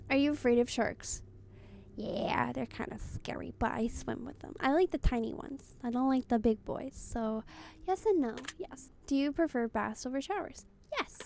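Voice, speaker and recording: A woman's voice: high-pitched, dark tone, slight background noise. A young woman streaming a game, chatting casually, bluntly and with free swearing as she answers questions. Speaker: VTuber streamer. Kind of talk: casual gameplay commentary.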